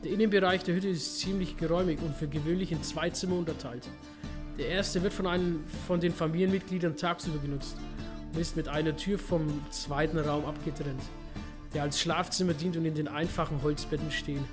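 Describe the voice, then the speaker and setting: A man's voice: fairly high pitch, steady tone, fairly quick, over music. A man hosting a game playthrough, reading in-game books aloud with small slips he corrects. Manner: reads narration steadily, with small slips and self-corrections. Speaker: let's play host.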